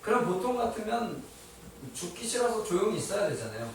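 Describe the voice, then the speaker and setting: A man's voice: high-pitched, very animated, a little fast, a little hiss or hum. A male pastor preaching a sermon. He keeps asking his congregation questions and answers them himself, with a touch of light humor. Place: church sanctuary. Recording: echoey hall, mic at a distance.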